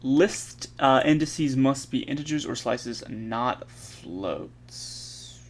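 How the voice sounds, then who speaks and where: A man thinking aloud while he codes, halting and correcting himself, with many fillers. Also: medium pitch, lively intonation, a little hiss or hum. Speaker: programmer streaming his coding practice. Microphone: earbuds mic.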